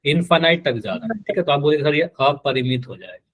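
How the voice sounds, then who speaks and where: A man's voice: on the high side, expressive, a little fast, fairly bright tone, breathy edge. A man teaching a live online math class, patient and repetitive, often quizzing his students. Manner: patient, repeats key terms and quizzes students.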